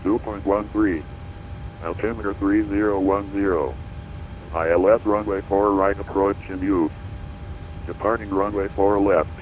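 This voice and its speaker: A very low male voice reads out an automated airport weather broadcast in a flat, clipped manner. The sound is dull and muffled, like a radio feed. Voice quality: flat, even, clipped readout delivery. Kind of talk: recorded weather and runway information readout.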